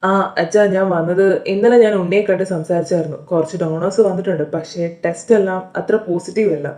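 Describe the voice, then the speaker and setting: Woman playing a brisk young son, dark voice. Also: fairly low pitch, steady tone, close to an everyday voice. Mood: practical. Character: young adult son, practical and hurried.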